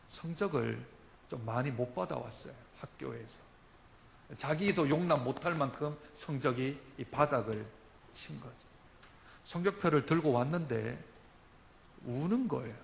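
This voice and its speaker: A middle-aged man preaching a sermon as a pastor. He moves between quiet, low storytelling and loud, rising exhortation. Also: vocal fry. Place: church sanctuary.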